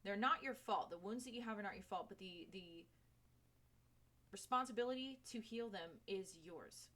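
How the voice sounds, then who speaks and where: A woman's voice: fairly high pitch, fairly quick, sharp tone. Frank, swearing woman tarot reader. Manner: chatty, talks to viewer directly. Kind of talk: casual tarot reading.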